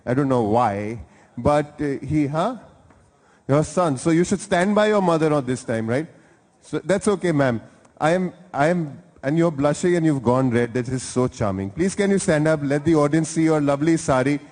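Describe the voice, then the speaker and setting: A man's voice: a little high, moderate pace, darkish tone. A man from India hosting a live event, chatting playfully and teasingly with guests in the audience. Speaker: event host. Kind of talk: lively crowd interviews. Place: large event hall. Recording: hall reverb from a live venue.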